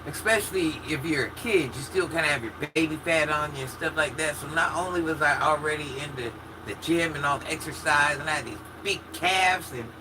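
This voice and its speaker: An American woman with a naturally husky voice tells personal stories casually to a live chat in an animated, dramatic way. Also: sits low, brisk, hardly any pauses. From rural United States, country upbringing. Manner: animated, dramatic retelling with acted-out quotes. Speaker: livestreamer chatting with viewers. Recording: distant mic with faint background noise.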